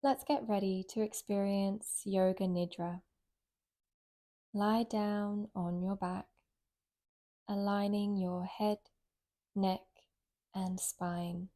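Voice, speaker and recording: Leading a relaxation session, a meditation guide and yoga nidra teacher speaks very slowly with flat delivery. Her warm, mellow voice sits at a medium pitch, gentle and soothing, broken by long, unhurried pauses.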